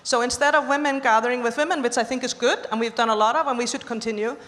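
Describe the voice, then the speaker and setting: A woman from Iceland talks on a conference panel with earnest conviction, her voice sitting a little high. Her words ring out with the long reverb of a large hall. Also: steady tone, quick pace, fairly bright tone. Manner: earnest, building on others' points. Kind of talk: panel discussion.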